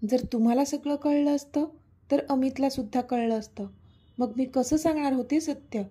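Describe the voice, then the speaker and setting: An irritated young heroine from a storybook tale talks back defiantly, as a woman reads her part. Her voice is a little high, warm and breathy. She is proud and quick to take offence. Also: fairly even intonation.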